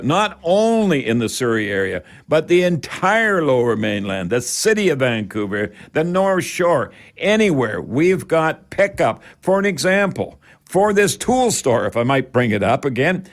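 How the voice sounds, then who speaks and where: His voice sits a little high. He's an older Canadian who runs a home improvement call-in radio show, chatting to listeners directly with a folksy, wandering, emphatic delivery.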